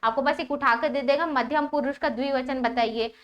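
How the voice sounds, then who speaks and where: A woman teacher explaining a school lesson step by step, often checking whether the students follow and reciting word forms in a steady drill rhythm. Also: high voice, moderate pace, muffled recording. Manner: checks understanding with repeated "ठीक है?".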